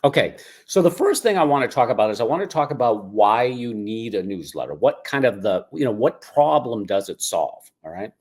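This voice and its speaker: A man's voice: mid-range voice, fairly quick, hardly any pauses. Middle-aged man with a Boston accent. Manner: relaxed, chatty, many fillers. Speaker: presenter. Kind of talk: webinar presentation.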